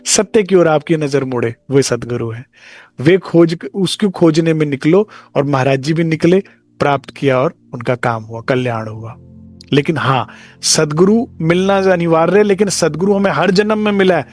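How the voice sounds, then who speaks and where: A man's voice: on the high side, moderate pace, darkish tone. Man giving a conversational devotional discourse. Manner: conversational, acts out short dialogues. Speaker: spiritual teacher.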